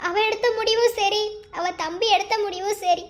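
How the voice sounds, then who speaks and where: A woman voicing a grieving young husband who speaks low, subdued and resigned in a cartoon drama. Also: fairly even intonation, normal speed. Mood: hurt.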